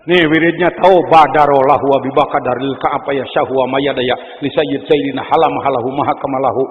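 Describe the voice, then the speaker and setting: A man with a Sundanese accent preaching a sermon, dramatic, swinging between loud exhortation and hushed asides. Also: mid-range voice, fairly even intonation, quick pace, big-room sound, phone-quality sound. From West Java, Indonesia.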